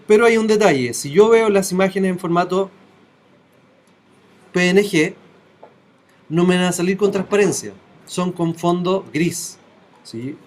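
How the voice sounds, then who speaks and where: A man's voice: sits high, a little slow, long pauses. A man teaching web design in a classroom. He walks through each step and keeps checking that his students follow. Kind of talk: classroom software tutorial.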